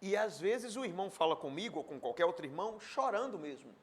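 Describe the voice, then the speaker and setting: A man preaching a sermon as pastor, swinging between loud emphasis and hushed asides, and acting out imagined people in quotes. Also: sits high, big pitch swings, fast talker. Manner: acts out imagined speakers in direct quotes.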